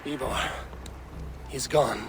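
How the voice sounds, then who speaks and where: A man playing a grim, practical Viking warrior in a video game, speaking in a measured, direct way. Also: mid-range voice, noisy background. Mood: grave.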